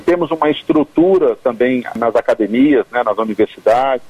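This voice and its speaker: A man's voice: mid-range voice, normal speed, darkish tone, husky, no room sound, lo-fi sound. A man with a Brazilian accent giving explanatory interview answers as a university professor.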